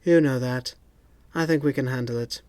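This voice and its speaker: A man voicing a suave male secret agent with smooth, dry wit. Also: medium pitch, normal speed, darkish tone, dry recording, natural voice.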